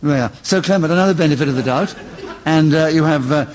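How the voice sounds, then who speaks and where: A man's voice: on the high side, quick pace. Genial older-sounding radio panel chairman. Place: radio studio with live audience.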